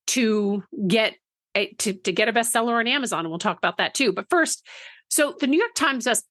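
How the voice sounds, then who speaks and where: A woman's voice: medium pitch, a bit bright, dry recording, clean studio sound. A woman co-hosting a podcast in a chatty, casual way, often restarting her sentences and laughing easily. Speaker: podcast co-host.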